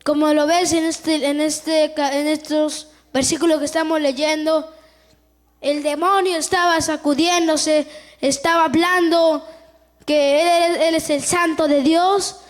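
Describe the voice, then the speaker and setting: A woman's voice: sits high, fairly even intonation, unhurried. A woman preacher with a Peruvian Spanish accent, giving an emphatic, repetitive sermon in a church. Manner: emphatic and repetitive, building fervor.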